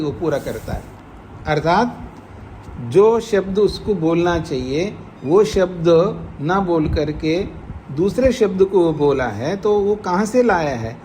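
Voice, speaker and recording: Slow, high-voiced man teaching scripture. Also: a little mellow, a little hiss or hum. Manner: slow, explanatory, repeats phrases for dictation. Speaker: Vedic philosophy teacher. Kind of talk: classroom lecture on scripture.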